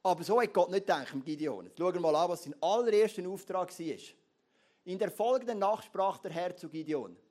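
A man with a Swiss German accent preaching a sermon, retelling scripture with lively acted-out dialogue. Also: high voice, a little fast. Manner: animated storytelling, acting out biblical dialogue. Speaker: pastor.

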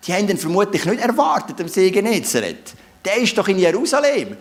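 A man's voice: high voice, sing-song, a little fast. A man with a Swiss German accent preaching a sermon, telling the story conversationally and asking rhetorical questions.

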